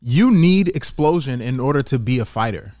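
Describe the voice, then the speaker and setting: A man's voice: medium pitch, animated, normal speed, a little mellow, no echo, studio quality. A man hosting a casual sports podcast, arguing his points with repeated phrases and some swearing. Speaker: podcast host. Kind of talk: casual sports commentary chat.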